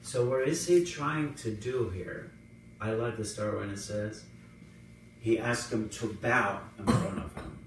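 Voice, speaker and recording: Slow-talking priest guy, assyrian first language, retelling bible stories in a big echoey church hall. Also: lowish voice. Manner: retells scenes, acting out quoted lines with rising emphasis. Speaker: priest teaching Bible study. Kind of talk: informal Bible study teaching. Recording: very echoey room, voice from far off, faint noise.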